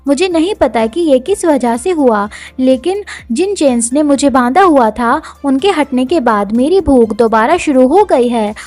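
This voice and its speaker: A woman's voice: sits high, expressive, unhurried, few pauses, darkish tone, no room sound. A clingy young nobleman who dotes on the girl he likes, as a woman puts him on in a manhwa recap. He talks in a pleading, affectionate way and sounds dry and close, with no room around him.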